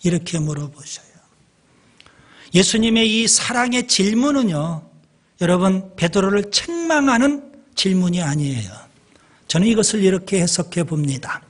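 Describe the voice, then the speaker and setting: A male pastor delivers a sermon in a church. His voice sits a little high for a man and carries a husky, slightly breathy grain. He speaks slowly and deliberately, with pauses for emphasis, and turns often to the congregation. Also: animated.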